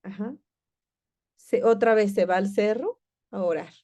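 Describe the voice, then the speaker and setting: A woman leads a Bible lesson, explaining in a relaxed, talky manner. She often pauses on fillers and restarts her sentences. Her voice is soft and dark in tone. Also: medium pitch. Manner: warm, conversational, with many fillers and restarts. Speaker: Bible class teacher.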